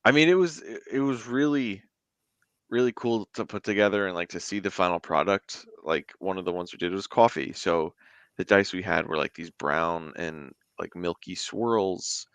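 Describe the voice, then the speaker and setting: An indie tabletop game creator, a man with a low-pitched, slightly bright voice, guests on a casual interview at a moderate pace. The sound is clear, resonant, and echo-free, and his delivery rambles conversationally.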